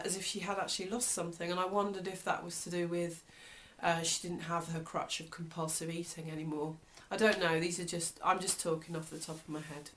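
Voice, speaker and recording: In her video diary, this British vlogger talks casually in a lowish voice, sounding reflective and unsure and frequently leaving thoughts unfinished. Slight background noise can be heard.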